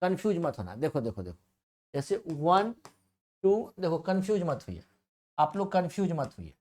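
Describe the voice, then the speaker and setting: A man's voice: on the high side, very animated, moderate pace, a little mellow. A man teaching a classroom math lecture as a coaching teacher, repeating himself and coaxing the class, often asking questions and answering them himself. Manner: repetitive, coaxing, asks and answers own questions.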